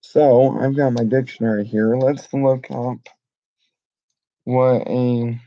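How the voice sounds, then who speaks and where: A man reading and explaining Bible verses in an informal, halting way with many fillers and restarts. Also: medium pitch, flat delivery, no echo. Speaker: Bible study teacher. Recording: dull lo-fi home recording.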